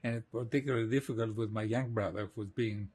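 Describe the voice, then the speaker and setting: A man in his eighties from Greece, slowly and reflectively recalling his childhood in an oral history interview, with soft laughs. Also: fairly low pitch, fairly even intonation, slightly rough. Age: 80s.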